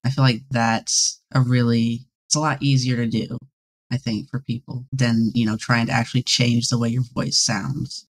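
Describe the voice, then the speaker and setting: A young man, a guest in a casual interview, talking with a dry, deadpan sense of humor and laughing often. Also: mid-range voice, normal speed. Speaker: guest player.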